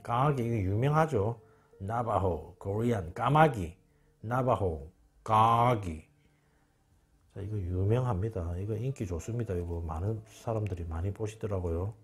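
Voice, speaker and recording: A man's voice: lowish voice, moderate pace, breathy edge. A man giving an informal spoken lecture, emphatic and repeating words over and over. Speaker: channel host.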